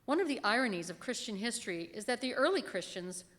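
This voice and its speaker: This middle-aged woman reads a minister's sermon from a script, her voice a little high, fairly bright, animated and fast. She speaks into a gooseneck lectern microphone as the church hall rings with long reverb.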